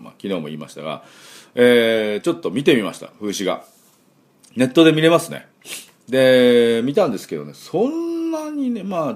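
A middle-aged man with a low voice teaching pronunciation in a daily audio lesson. His pitch swings widely as he explains, and he models each sound slowly. He fills his pauses with long "eh"s. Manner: explanatory, demonstrates sounds slowly, frequent "eh" fillers. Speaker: English school principal and pronunciation teacher.

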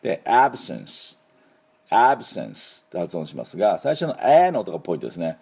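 A middle-aged man hosting a relaxed, chatty English lesson, filling his talk with asides and leading repeat-after-me pronunciation drills. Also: low voice, a little fast, creaky, breathy edge. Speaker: English teacher and show host. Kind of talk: casual spoken English lesson.

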